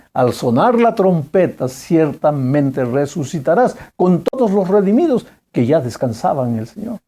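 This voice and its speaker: A preacher giving a sermon, telling a story with lively emphasis, repeating phrases and asking the listener direct questions. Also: mid-range voice, slightly rough.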